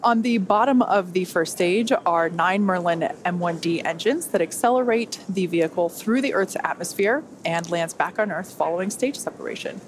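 A woman's voice: fairly low pitch, moderate pace, hardly any pauses. Woman hosting, with background noise. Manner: clear explanatory presenting. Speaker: webcast host and engineering manager. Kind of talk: scripted launch webcast narration.

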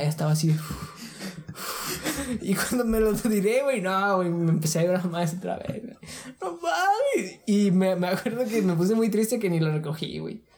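Speaking in a high-sitting voice with a Mexican accent, a man casually tells a story from his childhood, rambling in slangy chat and dropping fillers into every phrase.

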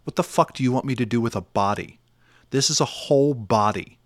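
A man's voice: medium pitch, brisk, no echo, natural voice. A man voicing Lucretia, a brash occult contact in a tabletop game who panics and swears. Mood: incredulous. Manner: swearing, frantic.

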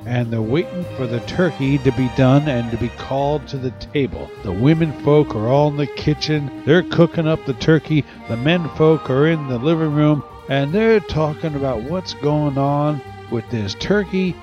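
A man's voice: fairly high pitch, moderate pace. A man hosting a radio show in a casual, rambling, folksy way, chuckling now and then. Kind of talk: casual chatty radio presentation. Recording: dull sound with music behind.

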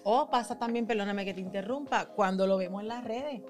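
A woman's voice: mid-range voice, a little mellow, faint music behind. Chatty woman co-host. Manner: chimes in with quick agreement. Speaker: podcast co-host. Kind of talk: casual podcast chat.

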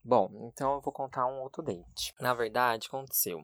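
A man's voice: mid-range voice, normal speed, a bit bright, dry recording, clean studio sound. A man from Brazil with a Brazilian Portuguese accent, co-hosting a casual chat in a dramatic, emphatic and teasing way.

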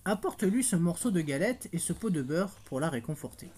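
A woman's voice: on the low side, sing-song, fairly quick, a little mellow, slight background noise. A woman voicing a caring mother giving her daughter instructions in a bedtime story. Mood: instructive.

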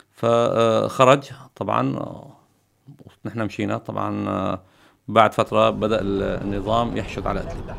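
Middle-aged Syrian-accented man, guest storyteller; low, heavily gravelly delivery. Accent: Syrian Arabic. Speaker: podcast guest. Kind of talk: recounting memories in conversation.

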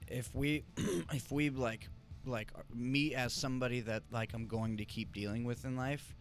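A man's voice: medium pitch, fairly even intonation, normal speed, faint music behind. A man co-hosting a podcast in casual chat, rambling and cursing freely, often losing his train of thought. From Arizona, USA. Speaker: podcast co-host.

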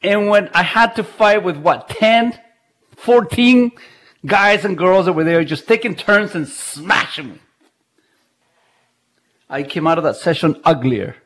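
Male radio host, high-pitched, casual and jokey, broadcasting from home. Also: animated, unhurried, pauses often, fairly bright tone. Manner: chatty, jokey, laughs often. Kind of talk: casual live radio talk. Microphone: video call.

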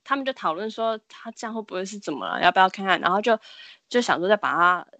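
A bright, animated woman recounts a story in casual podcast chat, acting out the people she quotes. Her pitch swoops freely and she talks fast. The sound is close and dry. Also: no room sound. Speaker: podcast co-host telling a ghost story.

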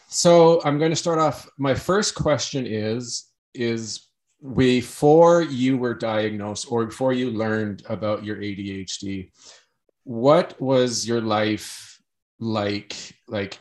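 Halting male podcast host. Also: on the low side, a little mellow. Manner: halting, many restarts and fillers. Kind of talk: casual podcast chat.

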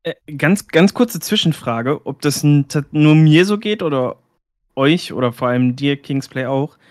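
A man's voice: a little high, expressive, measured pace, darkish tone, no echo, studio quality. A man who commentates esports, chatting casually and a little hesitantly. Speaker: esports caster. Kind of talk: casual podcast chat.

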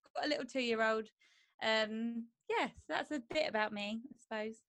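A woman's voice: a little high, normal speed, fairly bright tone, dry recording. A woman from south London with a south London accent, chatting casually and self-deprecatingly as a podcast co-host. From Croydon, south London.

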